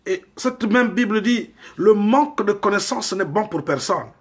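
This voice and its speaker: An animated sermon comes from a Congolese preacher whose voice is a little high, with a husky, breathy quality. He keeps an unhurried, deliberate rhythm and leans on emphatic rhetorical questions to press each point.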